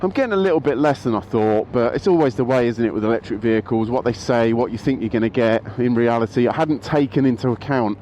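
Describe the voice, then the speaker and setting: Male moto-vlogger, middle pitch, casual rambling monologue outdoors, faint street noise. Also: fast, hardly any pauses, mellow, lo-fi sound. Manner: rambling, self-interrupting. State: out of breath. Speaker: motorcycle vlogger. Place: outdoors by a road.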